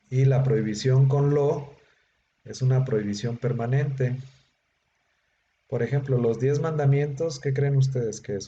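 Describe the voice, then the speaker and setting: A man's voice: medium pitch, mellow. A man teaching a Hebrew grammar class, explaining patiently step by step and checking in with his students. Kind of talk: grammar lesson. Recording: dull lo-fi recording with faint noise.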